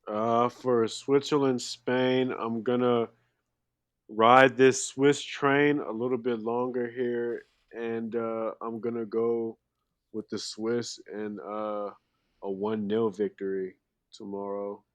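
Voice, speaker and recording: A man giving soccer predictions on a podcast, hesitant and measured. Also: medium pitch, level tone, dry recording. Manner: hesitant, measured, full of fillers. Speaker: podcast guest pundit. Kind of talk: casual chat.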